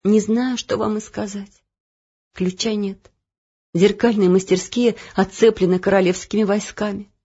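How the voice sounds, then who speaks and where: A woman voicing a kind, fretting old cook in a storybook reading, gently grumbling and a little lower than her narration. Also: fairly even intonation, measured pace, breathy edge, muffled recording. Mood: tender. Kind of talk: audiobook reading.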